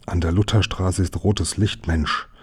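A man's voice: low voice, fairly even intonation, unhurried, breathy edge, exaggerated voice. A man voicing a cocky, streetwise city boy who talks in slang. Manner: cocky, slangy, whispering at times.

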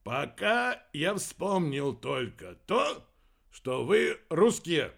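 A man voicing a loud, pompous male sea captain of great age who speaks slowly. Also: high voice, lively intonation, gravelly, voice pushed up, heavily acted. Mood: booming. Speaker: audiobook narrator.

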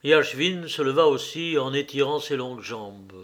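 A man narrating a classic novel aloud in a measured, even manner. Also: medium pitch. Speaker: audiobook reader.

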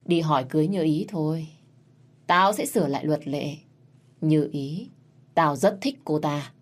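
A woman's voice: low-pitched, a little slow. A woman voicing a cruel, scheming male crown prince in a read-aloud story, taunting and menacing. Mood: gloating.

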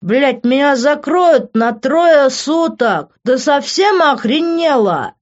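A woman's voice: high-pitched, expressive, takes it slowly, voice pushed up. Woman voicing a drunk, slurring young man. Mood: drunk, angry. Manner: slurred, swearing, yelling. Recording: dull lo-fi recording.

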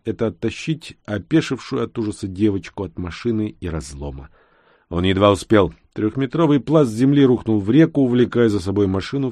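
A man narrating a post-apocalyptic audiobook in a steady, dramatic reading style. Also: fairly low pitch, dry recording, studio quality. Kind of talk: scripted narration.

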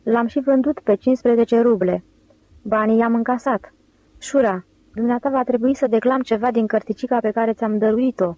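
A brash con-man leader barking brisk orders with a dry, ironic edge, as a woman narrator speaks for him. The sound is close and dry, with no room around it. This is storybook audiobook reading. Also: fairly high pitch, fairly even intonation, no room sound, highs cut off, lightly acted. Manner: bossy, brisk.

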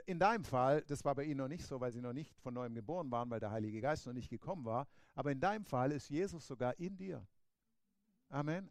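Male preacher, high voice, emphatic with rhetorical questions, dry close recording. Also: no echo. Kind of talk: sermon.

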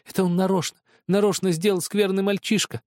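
A shrill, high voice for a spiteful older sister, shrieking accusations and whining through tears, as a man puts her on. the sound is close and dry. it reads like a storybook voice. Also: flat delivery, brisk, darkish tone, no room sound, natural voice. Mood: tearful accusing.

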